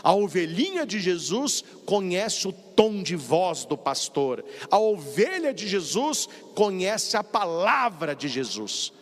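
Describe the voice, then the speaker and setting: Animated Brazilian priest preaching in hall. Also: male voice, high voice, slow, hardly any pauses. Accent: Brazilian Portuguese. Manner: animated, acts out dialogues with funny voices. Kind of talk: lively sermon. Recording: long reverb of a large hall.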